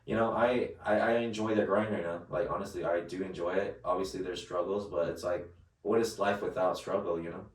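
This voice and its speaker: A man in his late twenties talks in a low, deep register with a roomy, echoing sound. He rambles through his points with many restarts and fillers, heard from a mic set back from him. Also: steady tone, a little fast, far from the mic. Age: late 20s. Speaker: podcast co-host. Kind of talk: casual chat.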